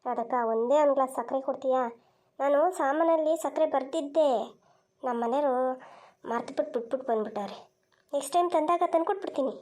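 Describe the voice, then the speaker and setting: In a cartoon comedy, a woman voices a cheeky young village woman who cajoles her neighbours for favours. Her voice is high and conversational. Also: quick pace, pauses often, darkish tone, close to an everyday voice. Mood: cajoling. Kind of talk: cartoon voice acting.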